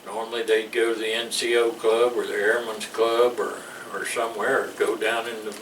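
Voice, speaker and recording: Being interviewed, an older veteran with a Southern accent rambles through his service memories, folksy and chuckling between stories. He speaks at normal speed in a lowish voice with a level tone, captured in an echoey room by a faraway mic amid clear background noise.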